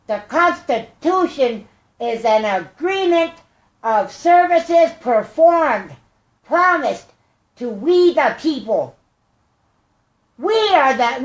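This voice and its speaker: An older woman vlogs in a high, squeaky voice, like a chipmunk on helium. She talks slowly and earnestly, halting and then stressing her words as she rambles. The recording is echoey, made indoors on a tablet. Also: big pitch swings, highs cut off. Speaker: vlogger. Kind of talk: rambling personal monologue to camera. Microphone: tablet microphone. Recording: echoey room.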